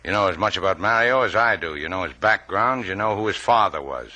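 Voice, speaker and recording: Tough boat captain, deep voice, bright edge, clipped, dry, 1950s radio play. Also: male voice, lively intonation, a little fast, exaggerated voice. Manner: hard-bitten, clipped and dry. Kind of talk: 1950s radio drama acting.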